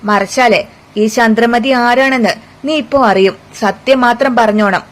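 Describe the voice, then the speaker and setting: A woman reads out a domineering middle-aged mother-in-law, harsh and demanding as she interrogates. The voice sits a touch high. It is a told story rather than a staged drama. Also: unhurried, natural voice. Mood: angry.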